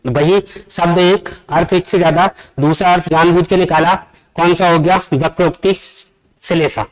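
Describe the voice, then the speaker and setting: High-voiced man teaching an exam-prep class. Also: fairly even intonation, moderate pace, poor audio. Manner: explains step by step, keeps asking the class questions. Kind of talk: exam-prep Hindi grammar lesson. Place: coaching classroom.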